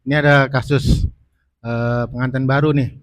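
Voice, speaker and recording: A man's voice: medium pitch, flat delivery, normal speed, dry recording. Hesitant man asking a question, dry sound. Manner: hesitant, many fillers. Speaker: audience member asking a question.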